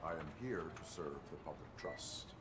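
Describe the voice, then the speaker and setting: An actor playing a stern cyborg police officer who speaks in flat, clipped, procedural lines. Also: male voice, rumbling low, moderate pace. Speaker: police officer at a complaints desk. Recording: video game audio with loud background noise.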